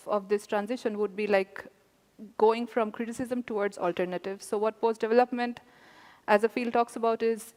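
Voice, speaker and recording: A woman speaking on a conference panel, explaining with repeated restarts. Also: fairly high pitch. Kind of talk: academic panel talk. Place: conference hall. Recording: reverberant hall.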